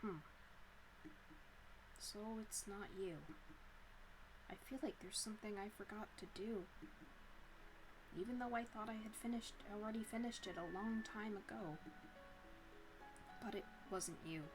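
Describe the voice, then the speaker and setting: A woman voicing a gentle but quietly disturbed male bird professor in a visual novel, speaking softly and haltingly. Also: medium pitch, over music, close to an everyday voice, rough recording. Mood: wistful. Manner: soft, subdued, halting. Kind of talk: reading a visual novel aloud.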